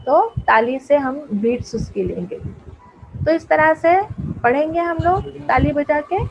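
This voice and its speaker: Woman teacher, unhurried, keeps asking if pupils follow; muffled online-class recording, faint hiss. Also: sits high, lively intonation. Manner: explains slowly, mixing Hindi and English, checks with pupils. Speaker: English teacher. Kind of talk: online class lesson in Hindi and English.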